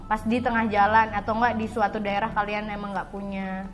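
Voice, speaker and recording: Her medium-pitched voice stays fairly flat and moves along at a fairly quick clip. The young Javanese co-host of this language vlog keeps things informal, treating viewers like friends while she explains words over background music.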